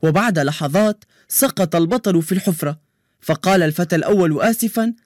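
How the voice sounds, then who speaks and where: A man playing a cheerful high-voiced joker. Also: brisk, no echo, clean studio sound, close to an everyday voice. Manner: cheerful, playful storyteller. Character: cheerful joke-telling young male quiz contestant. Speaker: radio show character who answers quizzes and tells jokes. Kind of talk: children's radio drama.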